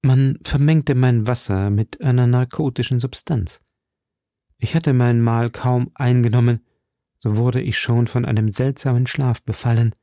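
A man's voice: medium pitch, fairly even intonation, a little slow, warm tone, no echo, clean studio sound, natural voice. A man reading an audiobook and voicing a cunning, seductive female prisoner with theatrical pleading. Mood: melancholy. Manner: pleading, theatrical, sometimes scornful.

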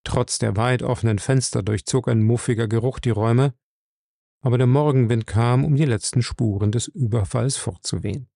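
A man narrating a crime novel in a steady, measured reading voice. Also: medium pitch, gravelly, no room sound, studio quality. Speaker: audiobook narrator.

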